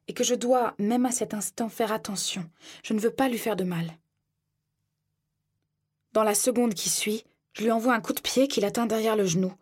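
A woman reading a first-person audiobook in a tense, hushed storytelling manner. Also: medium pitch, slightly rough. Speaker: narrator.

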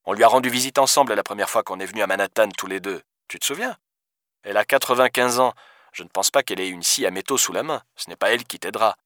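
A man's voice: lowish voice, quick pace, a bit bright, dry recording, studio quality, natural voice. A man reading an audiobook, voicing a panicked young female police detective who talks urgently and snaps at people. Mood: weary. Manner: urgent, desperate, snapping.

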